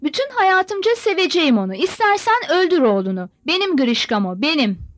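A woman's voice: high-pitched, big pitch swings, moderate pace, no echo. A woman reader voicing a fiery, scornful young village woman who lashes out in an angry, insulting tirade. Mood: defiant. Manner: furious shouting tirade, insulting.

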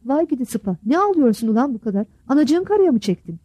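A woman's voice: high-pitched, sing-song, fast, warm tone, husky, no room sound, full character voice. A woman voicing a hard-hearted village father who scolds coarsely in a storybook reading. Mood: scornful.

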